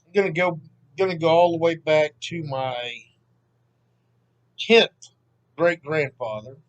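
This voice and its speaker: This history channel host, a southern Mississippi man in his thirties, sits at home and takes his time with a relaxed, rambling, self-effacing vlog chat. His pitch is fairly high and the sound is lo-fi.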